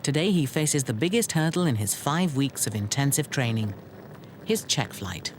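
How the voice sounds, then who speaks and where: Lively male documentary narrator. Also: mid-range voice, moderate pace, slight background noise. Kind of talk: scripted TV narration.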